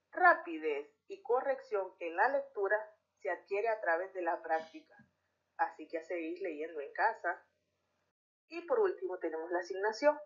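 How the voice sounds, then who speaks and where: A woman teacher giving a recorded reading lesson for pupils, speaking clearly and deliberately with careful articulation. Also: medium pitch. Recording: dull lo-fi recording.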